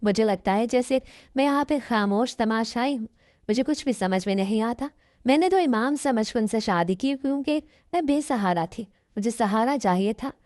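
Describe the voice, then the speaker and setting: A woman voicing a helpless young second wife who speaks softly and pleads. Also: fairly high pitch, expressive, moderate pace, dry recording, studio quality, natural voice. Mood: pleading. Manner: soft, pleading.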